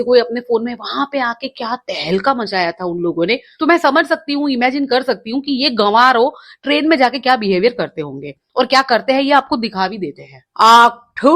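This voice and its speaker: A woman's voice: a little high, fairly bright tone. A woman hosting a casual roast commentary, talking in a sarcastic, mocking, ranting way. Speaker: commentary host.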